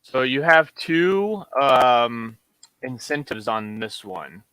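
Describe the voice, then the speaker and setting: A man's voice: mid-range voice, takes it slowly, clean tone, no room sound, rough recording. A man co-hosting a comic book show, talking casually with lots of fillers while he shows covers. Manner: relaxed, many fillers while showing covers. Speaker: co-host of a comic order show. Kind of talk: casual chat.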